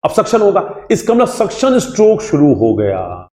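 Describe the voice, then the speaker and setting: A man teaching an engineering exam class in a lively, repetitive way, acting out student questions and answering them himself. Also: high-pitched, moderate pace. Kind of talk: classroom lecture. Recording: echoey room.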